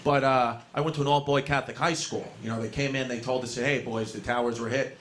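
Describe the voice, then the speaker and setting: A man's voice: medium pitch, steady tone, fast talker, a bit bright, slight background noise. A man from New York in his thirties doing a stand-up set in a comedy club, brash and profane, rambling and laughing at his own lines.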